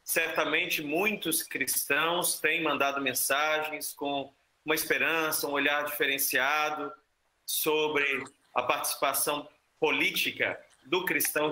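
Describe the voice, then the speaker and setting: A man with a Brazilian Portuguese accent moderating a seminar, making measured, courteous announcements over an online call. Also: on the high side, pushed and bright, a little hiss or hum. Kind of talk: formal event moderation. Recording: echoey room.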